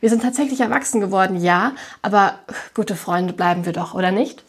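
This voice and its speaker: A charming young confectioner, read by a woman, playful and a little boastful. The voice is slightly husky, at a middle pitch. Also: brisk. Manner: teasing, lightly boastful.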